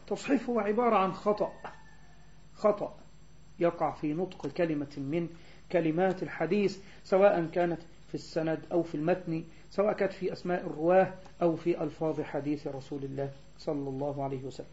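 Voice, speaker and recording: Guy teaching a lesson, mellow voice, slows down to recite and spell stuff out, muffled lo-fi audio. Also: on the high side. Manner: explanatory, slows to recite verses and spell out letters. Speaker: teacher of hadith sciences. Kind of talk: classroom lecture. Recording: dull lo-fi recording.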